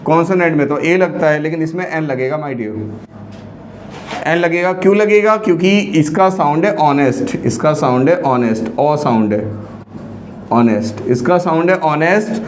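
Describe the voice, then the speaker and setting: A man's voice: on the high side, moderate pace. A man teaching an online grammar lesson, quizzing his students with repeated questions. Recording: echoey room with faint noise.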